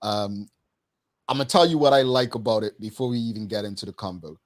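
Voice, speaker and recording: A man hosting a casual interview, halting and repeating words as he builds up a question. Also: on the low side. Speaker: talk show host.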